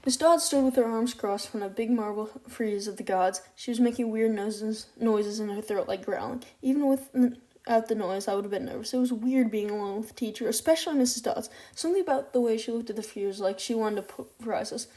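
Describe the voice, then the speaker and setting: Female audiobook narrator, mellow tone, casual unpolished first-person reading. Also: a little high, brisk. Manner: unpolished reading with stumbles and restarts.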